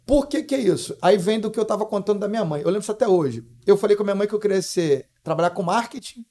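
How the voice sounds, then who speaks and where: A man's voice: sits high, lively intonation, fast talker, dark tone. A young Brazilian man telling stories on a podcast in a blunt, slangy way. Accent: Brazilian Portuguese. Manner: blunt, slangy, calls listener brother. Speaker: real estate broker guest. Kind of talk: casual podcast storytelling.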